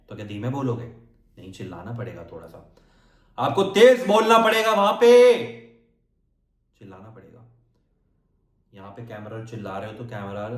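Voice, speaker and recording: A man's voice: on the low side, a little mellow. A male acting coach giving a casual motivational lesson, talking directly to viewers and often checking that they are following. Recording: echoey room.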